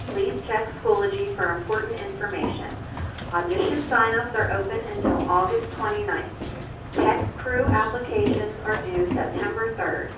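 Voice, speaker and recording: A woman reading the morning school announcements over an intercom, in a formal, steady, list-reading manner. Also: mid-range voice, distant mic, background noise. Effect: over a school intercom loudspeaker. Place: school office, heard through a classroom speaker. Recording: echoey loudspeaker heard from across a classroom.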